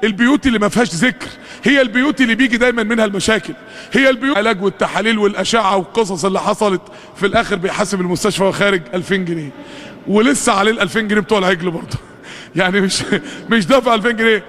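Man, Egyptian accent, fervent sermon, quick delivery, long reverb of a mosque hall. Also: high voice, fairly bright tone. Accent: Egyptian Arabic. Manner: fervent, rhetorical questions, calls to the congregation. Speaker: preacher.

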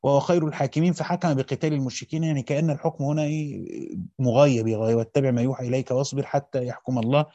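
Fast-reading man with a mellow voice. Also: mid-range voice, steady tone, no echo. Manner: reads quickly, breaks in with short colloquial asides. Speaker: teacher of Quranic exegesis. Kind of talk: rapid reading of a classical text with brief explanations. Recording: dull, dry lo-fi recording.

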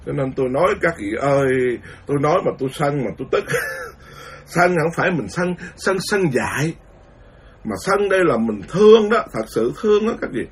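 A man's voice: fairly high pitch, animated, moderate pace, far from the mic, a little hiss or hum. A man lecturing as a Buddhist monk, ranting indignantly with lots of repetition. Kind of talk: impassioned Dharma lecture.

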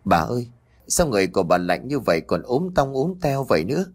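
A man's voice: medium pitch, big pitch swings, brisk. A man voicing a frightened, blustering middle-aged husband who stammers in a fluster.

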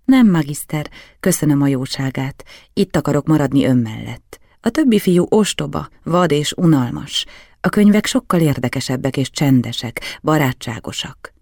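Solemn ten-year-old boy, old beyond his years, raised pitch , read by a man, gravelly edge. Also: animated, darkish tone, dry recording, studio quality. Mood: earnest. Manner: earnest, solemn, oddly old-sounding. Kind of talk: audiobook character reading.

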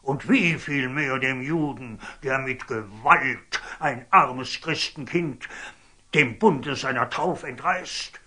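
In heavily acted, declamatory German radio drama style, an actor performs classic stage verse as a zealous, scheming, fanatical old churchman. Pompous and pitiless, the character swings from outrage to fawning. The voice is mid-range, slow, sharp-toned and slightly rough.

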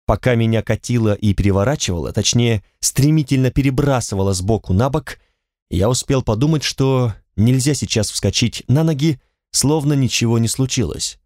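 A man narrates an audiobook in the first person, in a measured, detached way. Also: mid-range voice, darkish tone, no room sound, clean studio sound.

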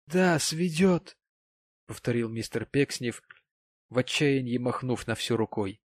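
A man reading a novel aloud as an audiobook narrator in a measured, even way. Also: medium pitch, dry recording. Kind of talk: scripted narration.

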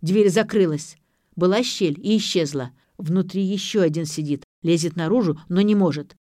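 Woman doing a loud, muddled drunk father. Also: lowish voice, normal speed, dry recording, studio quality, close to an everyday voice. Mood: panicked. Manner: loud, confused, rambling. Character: drunk befuddled middle-aged father.

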